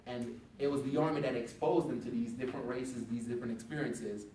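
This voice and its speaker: A man on a veterans panel, telling a story in a casual way and getting animated when he quotes people. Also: medium pitch, fairly quick, slight background noise. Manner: conversational, animated when quoting others. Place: event hall. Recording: echoey room from a distance.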